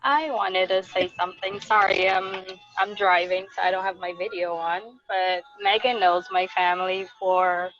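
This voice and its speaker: A woman's voice: medium pitch, a bit bright, dry recording. Woman on a car speakerphone, muffled dry phone line, chatty and open. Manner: chatty, open and grateful, with small laughs and restarts. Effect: speaking over a phone from a moving car. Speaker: webinar participant. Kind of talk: casual chat. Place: in a car, driving.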